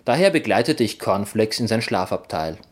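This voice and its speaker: A man reading a children's adventure story aloud in first person, with expressive, playful delivery. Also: fairly low pitch, moderate pace. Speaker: narrator.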